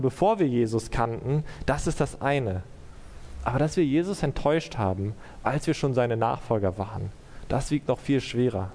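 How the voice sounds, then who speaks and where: Male pastor, earnest measured sermon, warm mellow voice, long hall reverb. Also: medium pitch. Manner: earnest, measured preaching with rhetorical questions. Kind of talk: sermon and closing prayer.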